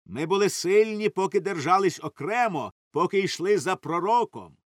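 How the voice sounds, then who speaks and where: A fiery male preacher, as a man reads him aloud, declaiming in a raised, high and lively voice that swings widely in pitch. The voice is dry, with no room sound around it. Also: moderate pace, no room sound. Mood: impassioned. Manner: impassioned, declaiming.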